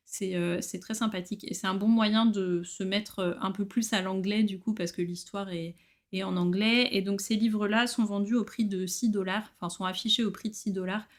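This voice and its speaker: A woman showing her new books in a casual vlog, chatty and relaxed, with frequent hesitations. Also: medium pitch, normal speed. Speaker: book collector vlogger. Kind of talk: casual book haul chat.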